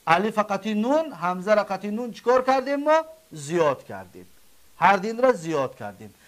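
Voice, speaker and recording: A man with a Tajik accent gives a grammar lesson in a fairly high voice. He drills each word form slowly and answers the questions he puts to his class. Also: sing-song. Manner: repeats forms slowly, asks and answers own questions. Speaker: Arabic grammar teacher.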